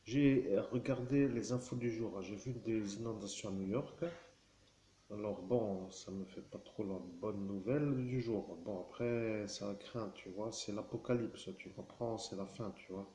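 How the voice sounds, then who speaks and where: A man with a low, dark voice rambling on to the viewer, checking in with the listener every few words. He wanders and corrects himself as he goes. The recording sounds roomy and echoey, with a faint hum behind him. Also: fairly even intonation, a little slow. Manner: rambling, keeps addressing the listener with "tu vois"; meandering, with frequent fillers and self-corrections. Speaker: vlogger. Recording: roomy echo with faint background noise.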